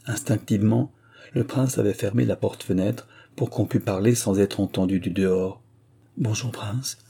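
A man reading a novel aloud in scripted narration, measured and even. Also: on the low side, vocal fry, slightly rough. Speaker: audiobook reader.

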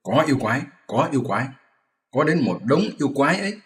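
Man voicing a lazy pig-monk, whiny, flustered, pleading, raised pitch, echoey room. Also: sing-song, fast talker, natural voice. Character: Bat Gioi, lazy fearful pig-monk man, blustering.

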